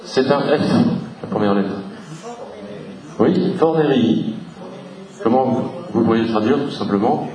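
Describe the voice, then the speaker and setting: A man giving an unhurried local history talk to a live audience, explaining each point step by step and spelling out letters from the slides. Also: mid-range voice, a crowd in the background. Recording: echoey room, voice from far off the mic.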